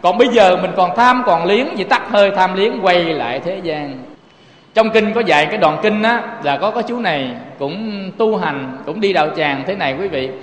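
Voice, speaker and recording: In a large, reverberant hall, a high-pitched man with lively intonation speaks at normal speed. He has a Southern Vietnamese accent and delivers a Buddhist sermon full of rhetorical questions, repeatedly turning to his audience.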